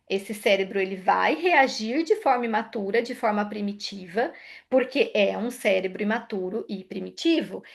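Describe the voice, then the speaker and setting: A woman's voice: fairly high pitch, vocal fry. A woman with a Brazilian accent, a psychologist giving a live talk on parenting. She explains in a conversational way, often checks in with tag questions and acts out little dialogues.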